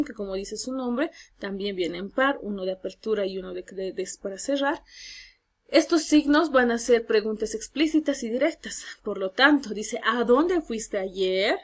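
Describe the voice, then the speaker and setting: A woman teacher giving a spoken grammar lesson, explaining step by step and reading examples aloud. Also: a little high.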